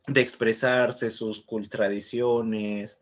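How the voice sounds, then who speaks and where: A man's voice: lowish voice, flat delivery, takes it slowly. A man from Lima with a Limeño Peruvian accent, teaching a literature class in a chatty way and tagging his sentences with "¿no?". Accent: Limeño Peruvian Spanish. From Lima, Peru. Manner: chatty, tags sentences with "¿no?" and "justamente".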